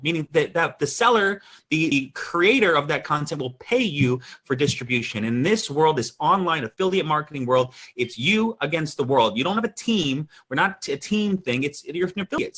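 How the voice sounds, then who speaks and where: A man's voice: fairly high pitch, fairly bright tone, breathy edge. A man co-hosting a casual livestream chat, emphatic and prone to repeating words. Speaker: co-host.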